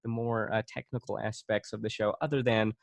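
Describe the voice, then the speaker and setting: A man's voice: fairly low pitch, little pitch movement, a little fast, gravelly, dry recording. A young man co-hosting a podcast in casual chat, thoughtful and hesitant with frequent "uh" and "um". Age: young adult. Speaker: podcast co-host.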